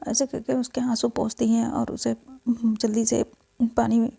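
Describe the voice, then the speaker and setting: A woman narrating a romance story episode in a plain, unhurried, casual telling. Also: fairly high pitch, little pitch movement, vocal fry, warm tone, slightly rough.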